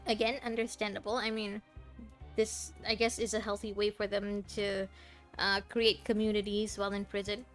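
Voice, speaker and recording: A woman with a mid-range voice talks at a moderate pace in a flat delivery. She's a gaming streamer offering casual, reactive commentary and informal musings on the game she's playing, with game music behind her.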